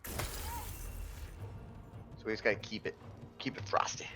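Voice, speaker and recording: A man playing a co-op game with friends, excitable, exclaiming and laughing. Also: unhurried, faint music behind. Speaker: player in multiplayer game. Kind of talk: casual gaming chat.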